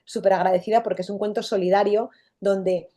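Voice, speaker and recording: Woman with a mellow, warm voice. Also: mid-range voice, a little fast. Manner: animated, acts out quoted dialogue. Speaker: guest author. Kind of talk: conversational interview.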